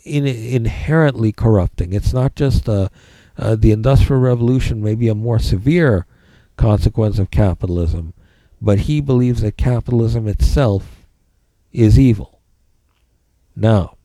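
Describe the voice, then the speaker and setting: A man's voice: medium pitch, mellow, no room sound. A man teaching a class, dictating notes by spelling words, calling out punctuation and repeating phrases.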